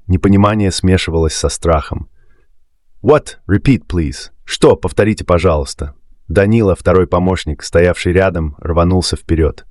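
A man with a very deep, low voice narrates a dramatic story in a steady, even manner. The recording is dry and close, with no room sound around him. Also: no room sound. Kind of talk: scripted narration.

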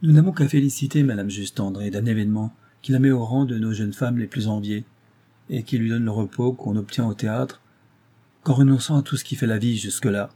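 A man voicing a grave, composed gentleman in an audiobook, measured and serious. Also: mid-range voice, natural voice.

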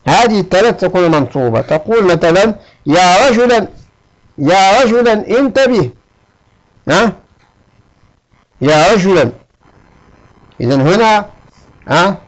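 A man with a high-pitched voice teaches a grammar lesson in a patient, classroom manner. He repeats each example and checks on his students with a quick questioning "ha?". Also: poor audio.

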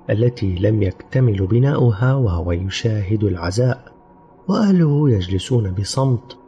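A man giving a grave, dramatic reading of a dark story as an audiobook narrator. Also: lowish voice, highs cut off, a little hiss or hum. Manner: grave storytelling, sometimes voicing characters.

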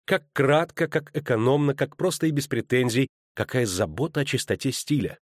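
A man's voice: animated, normal speed, dry recording, clean studio sound, lightly acted. A man voicing a proud, spurned sorceress woman who speaks with biting sarcasm in an audiobook. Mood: sarcastic, furious. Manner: biting sarcasm, rising pitch. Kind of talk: audiobook character voice.

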